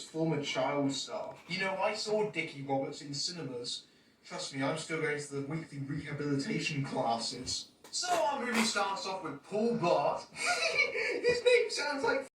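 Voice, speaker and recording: A man with a high, bouncy voice narrates a mocking film review, jeering at what he watches. He sounds set back from the mic in an echoey room, with a faint hiss underneath. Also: fairly bright tone, far from the mic. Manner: sarcastic, mocking, laughs at his own jokes. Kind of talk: comedic scripted review narration.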